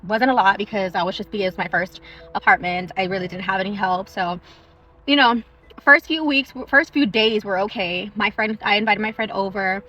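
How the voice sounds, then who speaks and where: A young woman in a parked car telling a true story in a chatty, animated way, eating on her lunch break. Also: mid-range voice, normal speed, lo-fi sound. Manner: chatty and animated, eating while she talks. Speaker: social media storyteller.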